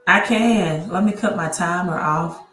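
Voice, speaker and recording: Her voice is fairly low in pitch yet fairly bright in tone, and she speaks unhurriedly in a roomy-sounding space. A credit educator on a casual livestream, she chats through her laptop mic, often begins sentences again, and talks her way through tech fixes.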